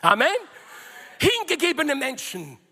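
A man preaching a sermon to a congregation. He swings between loud emphatic calls and hushed, low, prayerful passages, and asks the listeners to repeat after him. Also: wildly swooping pitch, unhurried. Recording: long hall reverb.

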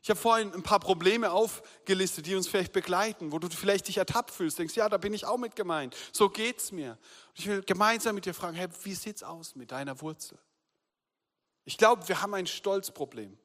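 A man preaching a sermon as a pastor, earnest and personal, dropping to a hushed voice for confessions and rising again for appeals. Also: sits high. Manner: earnest, shifts between loud appeals and soft hushed confession. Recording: long hall reverb.

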